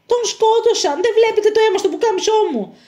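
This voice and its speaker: A woman acting in a school stage play as a hunted young male resistance fighter, pleading urgently and loudly. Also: very high-pitched, lively intonation, echoey room. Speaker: student actor in a school play.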